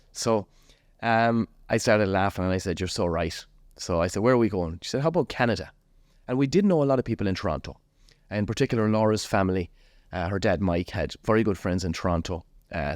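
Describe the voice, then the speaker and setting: A man's voice: fairly low pitch, darkish tone, no echo, clean studio sound. A man of forty with a West of Ireland accent, telling his story casually as an interview guest. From Galway, west of Ireland.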